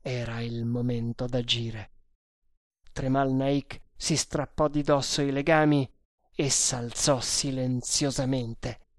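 A woman narrating an adventure novel in a measured, deliberate reading. Her voice is very low for a woman and unhurried, and the sound is dry and close with no room around it. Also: steady tone, no room sound. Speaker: audiobook narrator.

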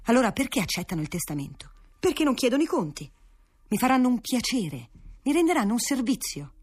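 A woman's voice: on the high side, animated, moderate pace, darkish tone, slightly rough. A woman voicing a proud, resentful young nobleman who speaks indignantly in a raised voice.

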